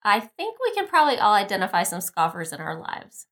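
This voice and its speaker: With music underneath, a woman speaks in a mid-range voice on her devotional podcast. She reads scripture and leads a meditation, gently instructing in a calm way that never hurries.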